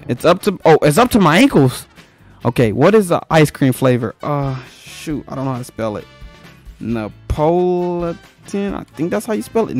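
Young male gaming host, animated and excitable, slangy casual commentary, a touch high.

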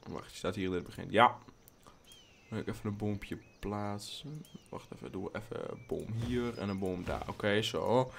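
A man's voice: fairly low pitch, normal speed, vocal fry, background noise. Blunt, rambling young man gaming. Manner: rambling, blunt, swears freely, mixes in English phrases; sudden excited outbursts. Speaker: gaming channel host. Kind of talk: casual let's play commentary.

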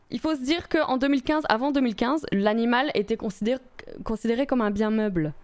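A woman chats casually on a live stream, rambling and full of fillers as she talks to viewers. Her voice sits a little high and comes through smooth and clear. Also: darkish tone. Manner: chatty, rambling with many fillers, greets chat viewers.

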